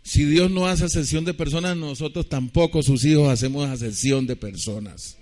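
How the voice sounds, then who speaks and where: A male pastor delivers a sermon in a church. He talks in a loose, conversational way, putting questions to the congregation and slowly spelling out words for them. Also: a little high, darkish tone.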